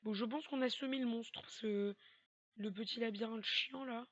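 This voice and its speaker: A woman giving let's play commentary on a horror game, swearing a lot and breaking into panicky shouts. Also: a little high, fairly even intonation, normal speed, no echo, highs cut off. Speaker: gamer playing a horror game.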